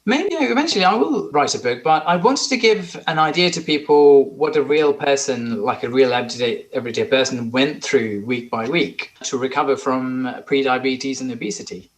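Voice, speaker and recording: Guest: man in his forties, from Sri Lanka, earnest and eager, mid-pitched voice. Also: moderate pace, few pauses. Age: 40s. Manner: earnest, eager, with some restarts. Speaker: podcast guest. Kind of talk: conversational interview.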